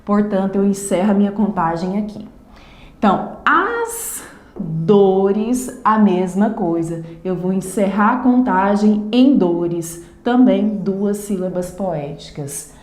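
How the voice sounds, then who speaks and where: A woman teacher gives an online lesson, stretching words slowly syllable by syllable as she explains. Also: mid-range voice, darkish tone, roomy sound.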